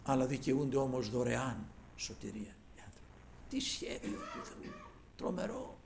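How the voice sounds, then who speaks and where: A man preaching a sermon, addressing listeners as brothers and retelling scripture in lofty old phrasing, swinging from loud cries to hushed asides. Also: mid-range voice, huge pitch swings, gravelly, slight background noise.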